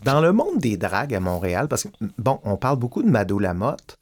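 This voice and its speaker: A man's voice: mid-range voice, brisk. A man with a Québécois French accent hosting an interview, asking questions and often restarting his sentences. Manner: lively questioning, frequent stammered restarts. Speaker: podcast host. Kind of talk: conversational interview.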